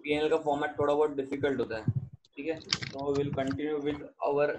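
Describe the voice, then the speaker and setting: High-voiced man teaching accounts online. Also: level tone, normal speed, noisy background. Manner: switches between Hindi, Marathi and English, questions students often. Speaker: commerce teacher.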